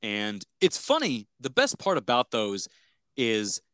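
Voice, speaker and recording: A man's voice: mid-range voice, wildly swooping pitch, slow pace, a bit bright, smooth, no echo. A man co-hosting a podcast, riffing playfully on jokes in casual banter. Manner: jokey, playful, riffing on gags. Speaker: podcast co-host.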